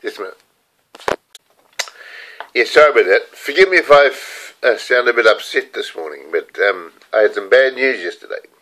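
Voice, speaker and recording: A man's voice: mid-range voice, animated, moderate pace, pushed and bright, low-quality recording. A man in his seventies with a New Zealand accent, talking candidly to camera at home in a rambling personal video diary, swearing casually. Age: 70s. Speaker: video diarist. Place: room at home.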